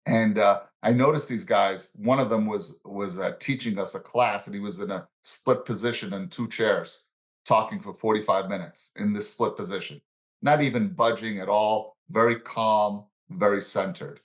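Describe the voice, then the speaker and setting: With a voice on the low side and a normal speed, a sixty-something financial services professional and coach recounts anecdotes as a guest in a casual interview. Italian-born and Bronx-raised, he's an easygoing storyteller who chuckles between tales.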